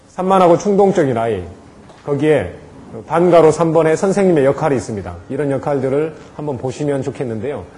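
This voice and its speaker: A man's voice: on the high side, mellow, poor audio. A middle-aged man lecturing church teachers, plain and direct, acting out firm words to a child. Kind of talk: lecture to Sunday school teachers.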